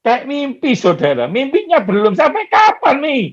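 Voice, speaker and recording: A man preaching a sermon in an animated storytelling way, often calling out to his listeners. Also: extremely high pitch, moderate pace, dull audio.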